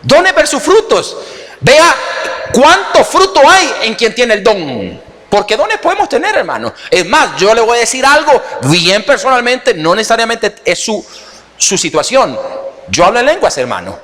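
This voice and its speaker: A man with a Salvadoran accent preaching a sermon as pastor, animated and joking, often calling out to the congregation. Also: extremely high pitch, normal speed. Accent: Salvadoran Spanish. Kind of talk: lively sermon. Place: church sanctuary. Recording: long reverb of a church hall.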